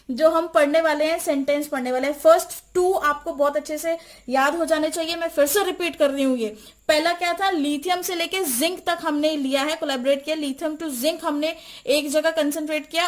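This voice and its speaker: High-voiced woman teaching chemistry mnemonics. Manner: repeats and quizzes the listener, slow deliberate spelling-out.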